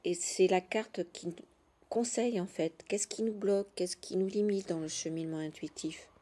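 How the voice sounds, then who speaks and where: A woman vlogger chatting casually and gently about her daily routine, hesitating often with fillers. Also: medium pitch, fairly even intonation, moderate pace. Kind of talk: casual chat.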